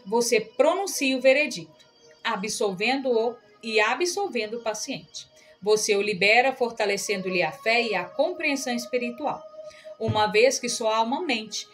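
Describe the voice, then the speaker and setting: A woman reading an audiobook aloud in a calm, measured narration. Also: fairly high pitch.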